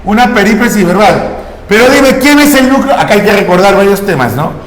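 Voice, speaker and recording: High-voiced man teaching in echoey classroom. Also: lively intonation, fairly quick. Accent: Peruvian Spanish. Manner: questioning, coaxing students with repeated prompts. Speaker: language teacher. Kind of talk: classroom grammar lesson. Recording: echoey classroom with long reverb.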